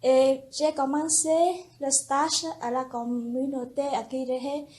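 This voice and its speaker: A young woman, a religious sister in formation, giving a slow, earnest personal testimony in simple phrases. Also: high-pitched, little pitch movement, a little mellow.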